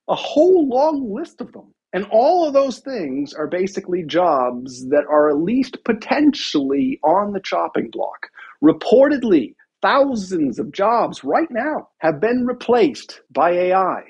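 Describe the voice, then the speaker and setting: A video host giving casual commentary, lively and storytelling, with wry asides. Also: medium pitch, husky, dull audio.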